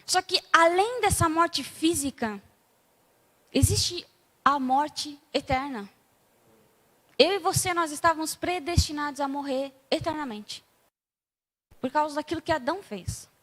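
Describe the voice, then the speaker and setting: Brazilian woman preaching, chatty and animated, high voice, echoey church hall. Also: unhurried, pauses often. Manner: conversational, acts out scenes animatedly. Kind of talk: sermon.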